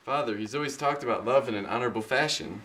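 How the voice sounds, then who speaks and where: A man's voice: mid-range voice, fast talker, a bit bright, lightly acted. A man playing a naive, meek and obedient young daughter in an amateur parody drama. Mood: naive, defensive. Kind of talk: amateur parody stage acting. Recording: roomy, distant, noisy amateur recording.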